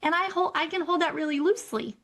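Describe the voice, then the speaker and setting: High-voiced woman, candid and laughing. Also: fairly even intonation, quick pace, fairly bright tone. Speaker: co-host. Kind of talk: casual podcast chat.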